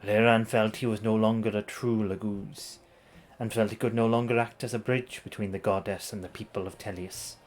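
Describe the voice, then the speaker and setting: Low-voiced man reading game lore. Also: steady tone, normal speed. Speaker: streamer. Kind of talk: reading game dialogue aloud.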